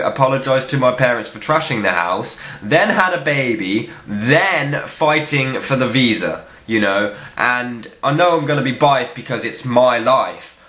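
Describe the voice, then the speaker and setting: A young man runs a casual viewer Q&A vlog, talking bluntly and swearing freely. His voice has a bright, forward edge, and the room around him rings with echo. He speaks at a middling pitch into a camera mic. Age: young adult. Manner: blunt, profane, joking. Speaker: film reviewer vlogger. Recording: echoey room.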